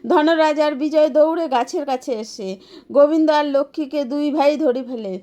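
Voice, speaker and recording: A woman storyteller narrating a moral folk tale in a steady storytelling manner. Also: high-pitched, normal speed, lo-fi sound.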